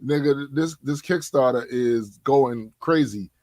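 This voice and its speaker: A man co-hosting a casual podcast, talking in an animated, slangy way and laughing often. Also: mid-range voice, measured pace, no room sound. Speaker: podcast co-host.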